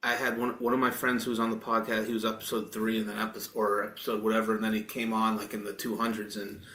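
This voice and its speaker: A man's voice: fairly low pitch, level tone, fast, sharp tone. Rambling male podcast host in a roomy space. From Maine. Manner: rambling, frequent fillers and self-corrections. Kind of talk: casual interview chat. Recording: roomy echo.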